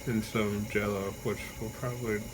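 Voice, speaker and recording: A man chatting casually to camera in a halting, low-key way, his mouth numb, dry and stiff after jaw surgery. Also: level tone. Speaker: vlogger, patient recovering from jaw surgery. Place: hospital room. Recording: clear background noise throughout.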